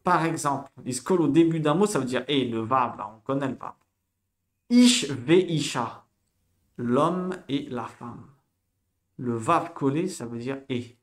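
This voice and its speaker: A Hebrew teacher gives a casual spoken lesson in a medium-pitched voice. He's animated and repetitive, slowly spelling out sounds for his learners.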